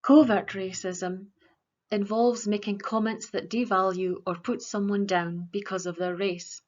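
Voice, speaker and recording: A woman teacher presenting a virtual school assembly in an earnest, measured way, with frequent ums. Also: mid-range voice, steady tone, darkish tone, highs cut off.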